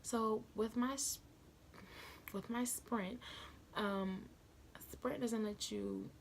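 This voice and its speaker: Chatty young woman with a gravelly voice. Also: a little high, steady tone, drawn-out words, slight background noise. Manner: chatty, slangy, dramatic retelling. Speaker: vlogger. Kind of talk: casual storytime. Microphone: phone camera.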